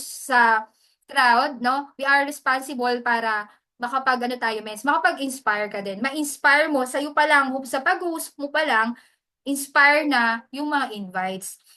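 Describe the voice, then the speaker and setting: A woman's voice: high-pitched, pushed and bright. A woman giving a chatty, casual lesson on hosting, often slipping English into her talk. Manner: chatty, mixes English into Tagalog, often adds "mens". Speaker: hosting mentor.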